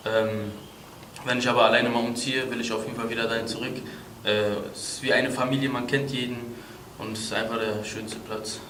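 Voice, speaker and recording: A twenty-two-year-old man from Berlin answering interview questions in a measured way, with fillers. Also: medium pitch, flat delivery, fairly bright tone. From Berlin, Germany. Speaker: local youth council member. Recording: roomy, distant mic, faint noise.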